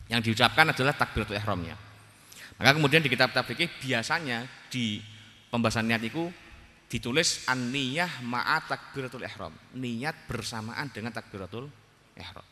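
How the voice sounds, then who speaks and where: Bright-voiced Javanese man teaching in a hall. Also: medium pitch. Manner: relaxed teaching, repeating words, frequent "ya" checks. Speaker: religious teacher. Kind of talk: teaching a religious text.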